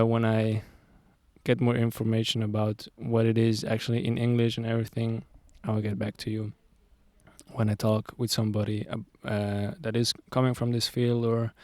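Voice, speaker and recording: A man's voice: mid-range voice, dry recording. Young man rambling on a sunny hill. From Zurich, Switzerland. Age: 20s. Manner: relaxed, rambling, many fillers and restarts. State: sweaty in the heat. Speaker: podcast host. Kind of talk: casual solo monologue.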